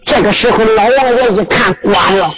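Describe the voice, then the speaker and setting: A woman with a Henan accent performing traditional zhuizi storytelling in an animated, rhythmic, exclaiming manner. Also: mid-range voice, normal speed, noisy background.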